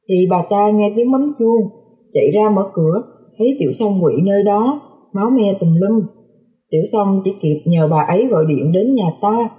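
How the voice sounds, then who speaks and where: A woman narrating a novel in the first person, raising her voice for the characters' lines. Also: mid-range voice. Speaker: audiobook narrator. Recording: phone-like lo-fi audio.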